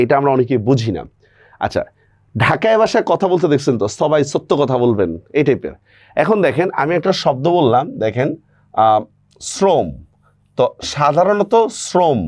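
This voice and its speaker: A man's voice: a little high, darkish tone, no echo, studio quality. A man teaching a grammar lesson on pronunciation, explaining step by step and often checking that students follow.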